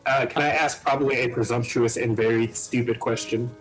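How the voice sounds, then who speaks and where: A man playing a tabletop game, talking in a halting, hesitant way and stumbling over his words as he goes. His voice sits in a mid range, with faint music underneath. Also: medium pitch, steady tone, low-quality recording. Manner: hesitant, full of ums and restarts. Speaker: player. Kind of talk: casual tabletop play.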